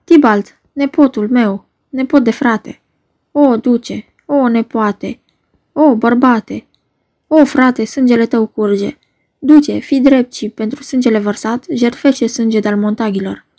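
Wailing vengeful noblewoman read by a woman, high mellow voice. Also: fairly even intonation, creaky, dry recording, clean studio sound. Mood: lamenting. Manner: lamenting, demanding. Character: noble mother, shrill in grief, vengeful. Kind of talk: dramatic reading of a play.

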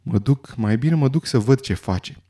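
A man's voice: medium pitch, animated, dark tone, lightly acted. A man voicing a flustered middle-aged innkeeper in a storybook reading, blurting out short startled remarks.

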